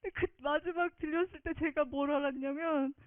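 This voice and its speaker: A woman's voice: sits high, fairly even intonation, brisk, no echo. A woman giving an earnest, emotional personal faith testimony, often close to tears. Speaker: testimony speaker. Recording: tinny phone-like dry sound.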